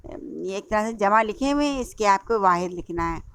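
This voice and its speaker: A woman's voice: medium pitch, animated, moderate pace, clean tone, dry recording. A woman with an Indian Urdu accent teaching a class-eight lesson, spelling words out letter by letter and repeating answers as she quizzes. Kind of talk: classroom lesson explaining a workbook.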